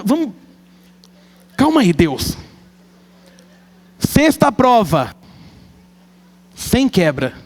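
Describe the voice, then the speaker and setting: A man preaching a sermon, telling a comic family story with animated delivery. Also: extremely high pitch. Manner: animated, comic, acts out family members' voices. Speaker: pastor. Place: church hall. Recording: long church hall reverb.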